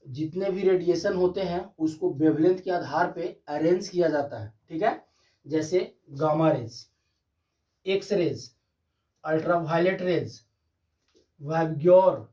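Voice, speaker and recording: A man teaching a physics class, asking and answering his own questions and slowly dictating definitions. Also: a little high, darkish tone. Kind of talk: classroom lecture. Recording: dull distant classroom recording.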